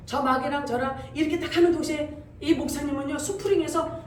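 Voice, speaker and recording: A woman pastor preaching a sermon, telling a dream story with lively sound effects and rising into loud exhortation. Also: high voice, fairly quick, distant mic. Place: church sanctuary. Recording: echoey church hall, voice from off-mic, faint room noise.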